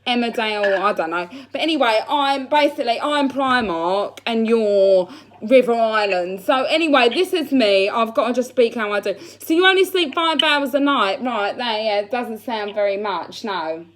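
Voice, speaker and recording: A woman's voice: on the high side, lively intonation, moderate pace. A woman, brash and laughing as she chats on a prank date. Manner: brash, loud and laughing, switches voices. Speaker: comedian in a prank date call. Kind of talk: prank comedy chat.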